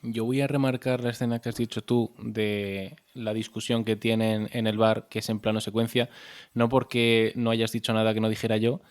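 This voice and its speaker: A man's voice: on the low side, flat delivery, moderate pace, no echo, clean studio sound. Analytical man hosting a film chat. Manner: analytical, explains ideas and poses questions. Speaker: film podcast host. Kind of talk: casual film discussion.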